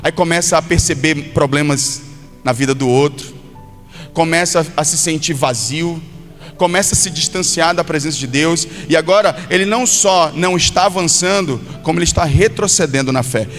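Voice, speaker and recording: A Brazilian man preaches a sermon as a pastor, speaking directly to listeners and urging them on with repetition and acted-out quotes. His voice is fairly high and slightly bright, at a moderate pace. The recording has a long hall reverb, with music playing behind him.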